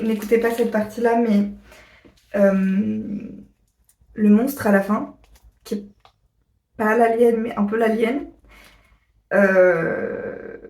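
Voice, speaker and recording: Woman vlogger, higher voice, chatty and rambling, echoey room, a bit far from the mic. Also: steady tone, darkish tone. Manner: chatty, rambling, often pausing on fillers. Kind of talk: casual chat to camera.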